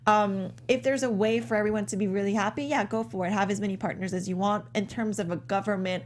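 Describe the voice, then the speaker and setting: A woman on a review panel who reasons through her points in a measured way. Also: mid-range voice, fairly even intonation. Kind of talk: casual panel discussion.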